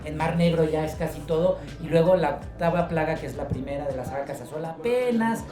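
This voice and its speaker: A man from Guadalajara with a Mexican accent, an author talking about his work in a relaxed, joking way at a book presentation. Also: a little high, a little fast, reverberant, distant mic, crowd noise. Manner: relaxed, storytelling, joking asides. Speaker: author being interviewed.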